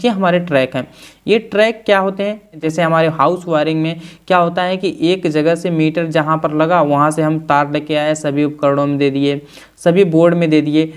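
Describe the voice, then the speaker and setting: A man, a repair instructor, explaining a tutorial step by step in speech, with fillers and repeated phrases. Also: on the high side.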